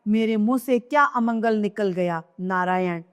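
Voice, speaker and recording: A woman voicing a troubled king, speaking in a lower voice with anxious unease. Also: unhurried, smooth, big-room sound, natural voice. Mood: uneasy. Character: stricken king, fearful and uneasy father.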